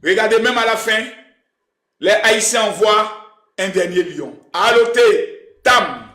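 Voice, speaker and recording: A young man hosting a live stream, emphatic and loud, who keeps chanting calls to his viewers. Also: high-pitched, animated, measured pace, reverberant. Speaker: livestream host. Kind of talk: hyped live-stream talk.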